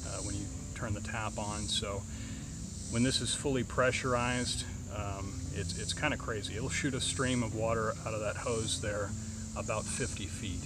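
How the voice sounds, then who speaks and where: A man's voice: lowish voice, steady tone, normal speed. A man showing off camping gear on his truck, talking casually with many ums and uhs, outdoors in the woods. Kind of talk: casual product walkthrough. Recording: outdoor recording with insect noise.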